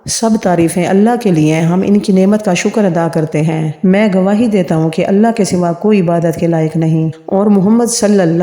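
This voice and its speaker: A reverent storytelling voice with a dark, mellow tone, reading a scripted account at an even, steady pace. The sound carries a long, roomy reverb, as if it were recorded in a large echoing space. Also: medium pitch. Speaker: narrator of religious history stories. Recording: reverberant, echoey room with long tail.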